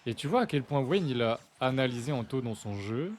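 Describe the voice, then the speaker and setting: A young Frenchman hosts a stream and casually commentates a live fighting-game match, chatting and joking with his chat and breaking into sudden bursts of excitement. His voice is medium-pitched and fairly quick, with slight background noise.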